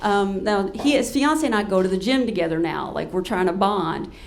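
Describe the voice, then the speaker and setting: A woman comedian telling a comic story on stage in a brash, profane, animated way. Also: medium pitch, normal speed, vocal fry.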